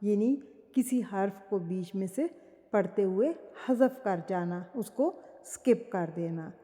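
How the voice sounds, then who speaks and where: A woman teaching the rules of Quran recitation, explaining slowly and carefully and drawing out each example word. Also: medium pitch, dark tone, in a large hall. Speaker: tajweed teacher.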